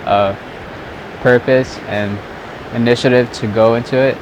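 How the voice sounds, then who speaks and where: Speaking unhurriedly in a steady, mid-range voice, a young vlogger and photographer from Southern California chats to the camera outdoors at sunset. The talk is loose and rambling, peppered with "like," and traffic noise is audible.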